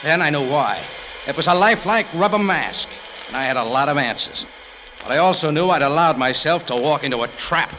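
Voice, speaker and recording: On a muffled old radio recording with music underneath, an actor gives tense narration as a terse, wry American adventurer recounting his own case in slangy 1940s detective fashion. The voice is a little high, expressive and near an everyday sound, delivered at a brisk pace.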